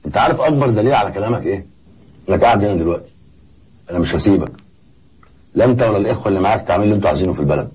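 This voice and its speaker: An actor playing a stern male interrogator with an Egyptian accent, quietly threatening. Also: fairly low pitch, animated, very fast, pauses often, husky. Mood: menacing. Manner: cold, threatening. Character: stern male security interrogator, menacing, controlled.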